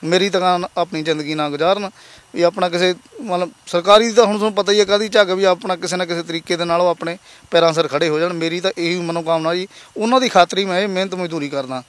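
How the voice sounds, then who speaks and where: A man's voice: high-pitched, fairly even intonation, fast talker, a bit bright, no echo. A man from Punjab, a laborer and father, telling his story in an interview in an earnest, polite and emotional way.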